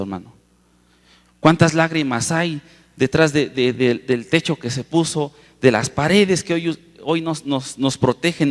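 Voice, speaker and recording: A male preacher delivering an impassioned sermon in a large auditorium, his voice ringing with long reverb. He sits a little high for a man, draws key words out slowly and then surges louder, calling out to his listeners again and again. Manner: impassioned, keeps addressing the congregation as "hermano"; stretches key words slowly for emphasis, with sudden loud rises. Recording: reverberant hall sound.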